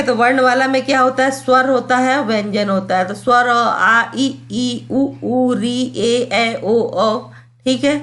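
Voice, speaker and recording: Slow-spoken woman teaching grammar. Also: a little high. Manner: slow and explanatory, checks understanding with "clear?" and "theek hai"; drawn-out sounding of letters. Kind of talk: Hindi grammar lesson for schoolchildren.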